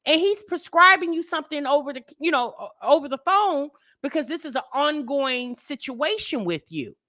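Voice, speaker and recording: A woman running a reaction channel talks casually and directly to her viewers, repeating herself for emphasis. Her voice sits high, with lively intonation, a normal pace, and a bright, forceful tone.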